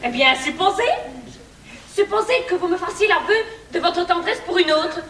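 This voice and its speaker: An actress playing a spirited, bossy young brewer's daughter in a stage comedy, with a Brussels French accent, coaxing and exclaiming. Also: female voice, very high voice, animated, moderate pace, fairly bright tone. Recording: echoey stage, distant mic, some noise.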